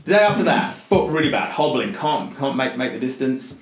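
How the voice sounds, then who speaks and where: A man telling a story as a podcast guest, animated and full of restarts and repeated words. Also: medium pitch, fairly quick. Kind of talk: casual storytelling in conversation. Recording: roomy with faint hiss.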